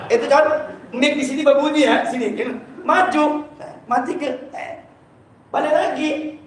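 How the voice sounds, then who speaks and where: A man with a Palembang Malay accent delivers a dawn mosque sermon in a strikingly high voice. He jokes and demonstrates his examples, chuckling as he goes. The sound is heavily echoey and captured from far off in the mosque. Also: a little slow, slight background noise. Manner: joking, demonstrative, chuckling between points. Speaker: preacher. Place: mosque hall.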